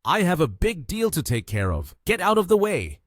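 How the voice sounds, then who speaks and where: A man doing a bossy sales director in a storybook recap who keeps shouting people out of his way, his voice jumping up high and loud. the delivery is lively and animated, and the dry, close sound leaves no room echo around the voice. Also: moderate pace. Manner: shouting, brusque.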